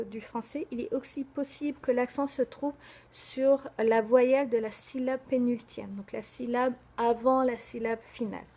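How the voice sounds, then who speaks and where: Young woman doing a slide presentation, kinda high voice, lots of "uh" pauses, spells stuff out. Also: a little mellow. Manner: hesitant, frequent filler pauses; spells out words letter by letter.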